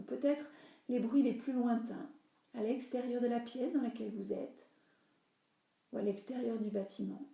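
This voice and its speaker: This yoga nidra teacher is a woman whose slightly high, mellow voice carries a gravelly edge. She guides a relaxation practice with soothing instructions, her phrase endings softening into breath, and the recording sounds roomy and echoing.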